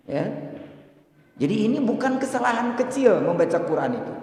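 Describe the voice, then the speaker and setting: A hoarse man with a Sundanese accent teaching Quran recitation, drilling syllables one by one and chanting verses as examples in a mosque. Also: sing-song, normal speed, a little mellow. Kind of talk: tajwid lesson with recited examples. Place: mosque hall. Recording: booming echo of a large mosque hall.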